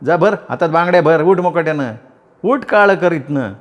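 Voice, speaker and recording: A sharp-tongued old village mother, fierce and protective, raising her voice high to scold, as a man puts her on. her storybook lines come defiant and cutting. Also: expressive, normal speed, lightly acted.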